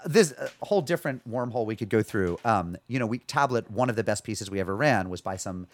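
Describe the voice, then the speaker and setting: A man talking as a podcast guest in casual chat, animated and talkative. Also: lowish voice, fast talker.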